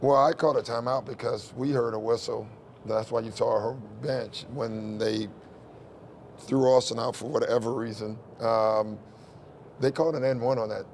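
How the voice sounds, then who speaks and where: A man's voice: mid-range voice, fairly even intonation, normal speed, slight background noise. A man who coaches a team, answering reporters at a postgame press conference in a candid, conversational way, often saying "you know" and "listen". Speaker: head coach.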